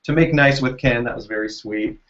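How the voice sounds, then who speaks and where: A man co-hosting a casual TV recap chat, relaxed, teasing and analytical. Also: medium pitch, fairly quick. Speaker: co-host. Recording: roomy, dull lo-fi recording.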